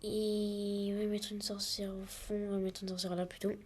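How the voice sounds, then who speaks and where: Casual woman gamer, talks through each move live, mid-pitched, easygoing let's-play energy. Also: level tone, normal speed, darkish tone, a little hiss or hum. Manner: chatty, narrates each move as it happens. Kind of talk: live gameplay commentary.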